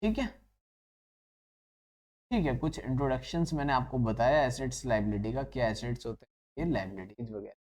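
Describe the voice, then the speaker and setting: A man's voice: mid-range voice, expressive, moderate pace, long pauses, darkish tone. A man teaching accounting in a classroom-style lecture, asking his students questions and answering them himself, and slipping English terms into his talk. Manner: addresses students as children.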